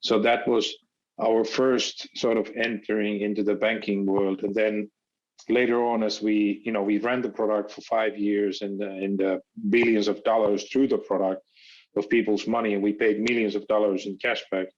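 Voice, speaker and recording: A startup founder from Finland, talking as a guest in a hesitant way with many fillers. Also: male voice, on the low side, little pitch movement, moderate pace, muffled recording.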